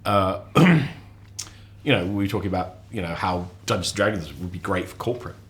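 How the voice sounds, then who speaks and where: Deep-voiced man, halting animated chat. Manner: animated storyteller, acts out quotes with sudden high voices; halting restarts, repeats words. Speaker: podcast guest; lecturer. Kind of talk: casual chat.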